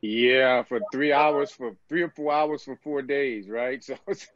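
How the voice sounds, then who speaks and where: A man's voice: mid-range voice, unhurried, no room sound. Chatty man on dry, dull call audio. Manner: chatty, laughs often, rambles. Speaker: chief creative officer. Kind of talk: casual video-call chat.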